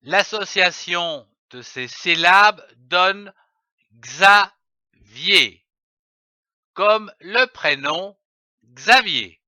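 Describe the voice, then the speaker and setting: Slow, bright-voiced man teaching reading. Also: high voice, smooth, no echo, clean studio sound. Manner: spells out letters and repeats syllables deliberately. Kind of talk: slow syllable-by-syllable reading lesson.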